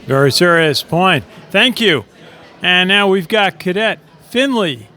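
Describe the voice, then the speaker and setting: A man with a high, bright voice conducts casual interviews at an event. He pauses often with "uh" and answers each reply with quick praise. His delivery is friendly but halting. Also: animated. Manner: hesitant, many "uh" fillers, brief praise. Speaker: interviewer and video host.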